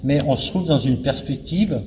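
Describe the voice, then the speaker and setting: A man's voice: medium pitch, normal speed, a little mellow. A man speaking as a venue director in an interview, explaining things in a hesitant, searching way. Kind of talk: spoken interview about a cultural season. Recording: noisy, very reverberant hall.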